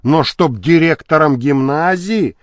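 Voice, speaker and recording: A man voicing a grim, threatening detective in an audiobook, gruff and commanding. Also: fairly high pitch, measured pace, no room sound, studio quality, natural voice. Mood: menacing. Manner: menacing, gruff. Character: stocky red-haired detective, grim and threatening.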